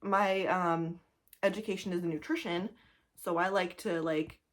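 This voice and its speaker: A woman's voice: on the low side, steady tone, moderate pace. A pregnant woman in her thirties chatting casually to camera as a cross-stitch vlogger, laughing often and a little out of breath, full of likes and ums. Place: home, two-bedroom apartment.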